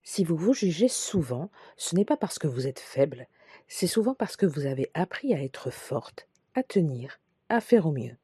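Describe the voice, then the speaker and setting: A woman sophrologist leading a guided relaxation session, speaking softly and soothingly, sometimes dropping to a whisper. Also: low-pitched, very animated, breathy edge. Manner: soft, slow, soothing guidance, drops to a whisper at times. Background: soft background music.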